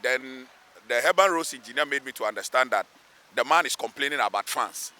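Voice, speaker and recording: A Ghanaian-accented local assemblyman gives an outdoor interview beside a road underpass, pleading his case emphatically and repeating phrases for weight. His medium-pitched voice is animated, bright, and forceful, moving a little fast.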